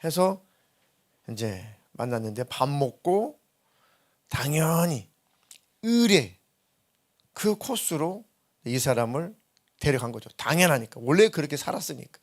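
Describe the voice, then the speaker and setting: A man's voice: fairly high pitch, very animated, measured pace. A man preaching a sermon as senior pastor, telling stories in a conversational way and acting out what people said in a raised voice. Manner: conversational storytelling preaching, acts out quoted dialogue in a raised voice. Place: church sanctuary.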